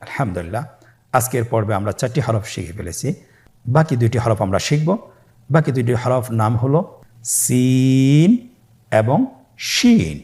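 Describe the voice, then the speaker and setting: Patient man teaching letter sounds. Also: mid-range voice. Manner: drawn-out letter sounds, asks listeners to repeat after him; calm, patient, with frequent pious interjections. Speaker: Quran reading teacher. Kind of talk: step-by-step recorded lesson.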